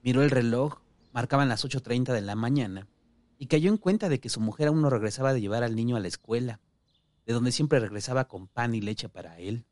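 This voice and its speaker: A man narrating a story in a steady, measured reading voice. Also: medium pitch, no echo. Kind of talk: audiobook narration.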